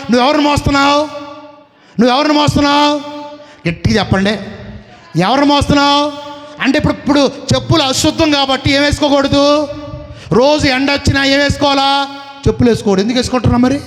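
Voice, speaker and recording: A high-pitched man with a Telugu accent preaches a sermon, calling out questions and urging the congregation to answer back. His voice rings with the long reverb of a church hall. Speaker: pastor.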